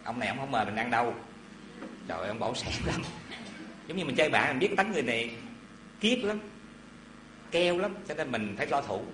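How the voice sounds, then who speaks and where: Animated man preaching. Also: medium pitch, a little fast, pauses often, a little hiss or hum. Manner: animated folksy storytelling with asides to listeners. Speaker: Buddhist preacher. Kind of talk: dharma talk storytelling. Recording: echoey hall with faint ambience.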